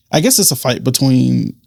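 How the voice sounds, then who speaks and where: Easygoing guy hosting a chat, raspy fry in his voice, laughs a lot. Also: mid-range voice, lively intonation, slow, darkish tone, dry recording, studio quality. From Atlanta, USA. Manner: laid-back, laughs often, chatty. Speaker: host. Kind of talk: casual podcast chat.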